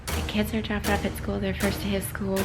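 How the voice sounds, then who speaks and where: A woman's voice: medium pitch, completely flat delivery, fairly quick, loud music behind the voice, rough recording. A woman talking casually to the camera in a vlog about her training, chatty and full of filler words. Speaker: vlogger training for a triathlon.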